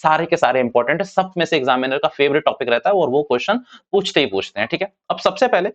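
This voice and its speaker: The recording is dull and lo-fi, carrying a man's high-leaning, expressive voice at a quick pace as he lectures on commerce casually. He's chatty, repeats his points, and addresses the class as "bhaiya."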